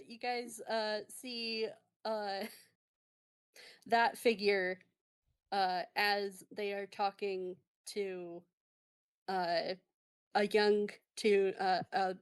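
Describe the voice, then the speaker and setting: A woman narrating a tabletop game as game master, halting and full of fillers, laughing often. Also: mid-range voice, smooth.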